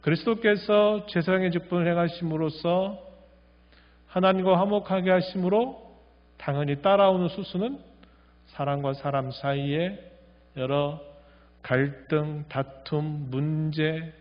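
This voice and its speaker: A pastor preaching a sermon, reading scripture slowly and firmly and asking rhetorical questions. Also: male voice, on the high side. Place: church sanctuary. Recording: dull lo-fi sound with long church reverb.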